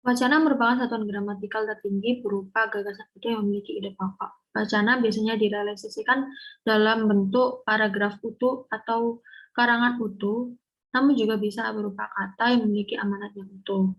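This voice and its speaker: A woman's voice: medium pitch, fairly even intonation, a little fast, muffled recording. A young woman presenting a lesson, reading carefully and often catching and restarting her words. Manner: careful, with frequent self-corrections and restarts. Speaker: student presenter explaining syntax. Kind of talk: read-aloud lesson.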